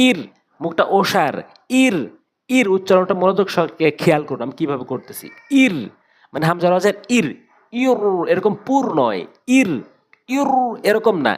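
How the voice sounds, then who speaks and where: Man teaching Quran pronunciation, repeating sounds. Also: a little high. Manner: speaks directly to viewers, checks understanding. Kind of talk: step-by-step pronunciation lesson.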